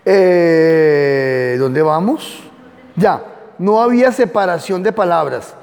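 Male Bible teacher, high voice, chatty lecturing style, long hall reverb; quizzes the room. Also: lively intonation, slow pace, a little mellow. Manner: conversational, asks the audience questions; reads aloud from notes and comments. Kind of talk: classroom lecture.

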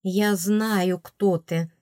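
A woman's voice: medium pitch, fairly even intonation, extremely slow, a little mellow, no echo, studio quality. A woman voicing a weary, sarcastic young heroine. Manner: tired, grumbling.

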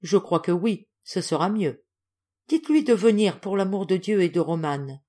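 A man's voice: high voice, expressive, normal speed, mellow. A woman reading aloud as a starving, exhausted man who pleads in a weak, faltering voice. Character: starving exhausted stranger, a lost prince.

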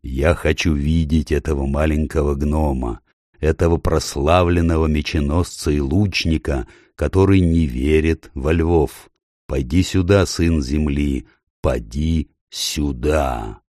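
A man voicing a great noble male lion in an audiobook, speaking slowly and gravely in a deep, low voice. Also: fairly even intonation, darkish tone, no room sound, clean studio sound. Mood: commanding. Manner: slow, grave, measured. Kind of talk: audiobook character voice.

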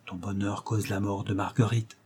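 A man's voice: lowish voice, flat delivery, moderate pace, a little mellow, a little hiss or hum, close to an everyday voice. A man reading a storybook who voices an ironic young male friend. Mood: whispering.

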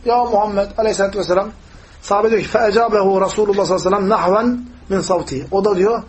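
A man teaching a religious lesson, explaining hadiths with lively storytelling and acting out the voices he quotes. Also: high voice, a little hiss or hum.

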